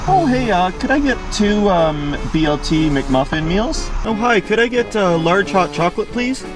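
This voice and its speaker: A man's voice: sits high, expressive, moderate pace, over music. Man ordering at a drive-through. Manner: hesitant, with uh and um fillers. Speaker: camping vlog host. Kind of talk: casual vlog talk.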